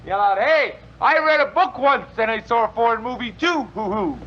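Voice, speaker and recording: Blustering husband, sharp high voice, dull lo-fi sound. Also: male voice, animated, moderate pace, slight background noise. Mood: mocking. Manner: mocking, blustering. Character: blustering husband, adult, mocking. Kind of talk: live sketch comedy.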